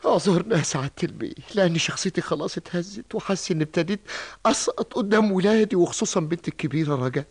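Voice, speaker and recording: Brief: fawning middle-aged clerk, Egyptian accent, fast, lively pitch. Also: male voice, husky. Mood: despairing. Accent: Egyptian Arabic. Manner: fawning, overly deferential, then breaks down pleading. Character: timid flattering middle-aged male clerk. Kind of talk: radio drama acting.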